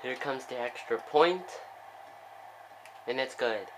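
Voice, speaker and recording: A young man giving casual play-by-play commentary on a football video game, with excitable bursts on big plays and chatty asides. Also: mid-range voice, slow pace, background noise.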